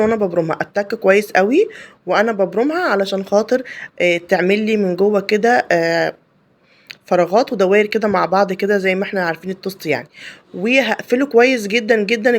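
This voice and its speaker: A home cooking channel host with an Egyptian Arabic accent narrates a casual tutorial, explaining each step chattily with lots of fillers and restarts. Her voice is mid-range and very fast.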